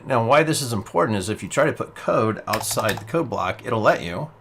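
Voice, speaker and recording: A man's voice: mid-range voice, expressive, brisk, gravelly, a bit bright, a little hiss or hum. A man teaching a beginner programming lesson, explaining patiently step by step while typing along. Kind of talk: screen-recorded coding tutorial.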